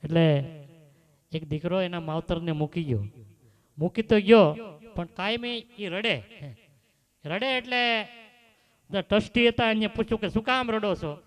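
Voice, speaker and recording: A man gives a devotional talk with a slightly high voice. He tells stories in a lively way and keeps asking the listeners short rhetorical questions. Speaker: bhajan singer and storyteller. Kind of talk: devotional sermon with anecdote.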